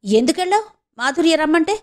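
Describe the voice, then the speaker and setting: Brief: angry young college man, sharp scolding tone, read by a woman. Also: high voice, animated, fast, pitched above the performer's own voice. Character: hot-tempered young male college student.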